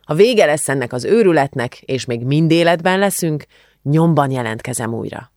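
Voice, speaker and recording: A man's voice: a little high, animated, a little mellow, no room sound, clean studio sound, lightly acted. A man voicing a worldly, blunt young woman in an audiobook, talking in a matter-of-fact, confiding way. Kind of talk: audiobook character voice.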